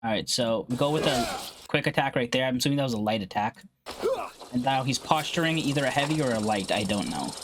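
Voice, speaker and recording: Male gaming host with a middling pitch, reading a guide aloud with many uhs and restarts. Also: lively intonation, background noise. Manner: halting reading with frequent uhs and self-corrections. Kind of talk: reading an article aloud and reacting.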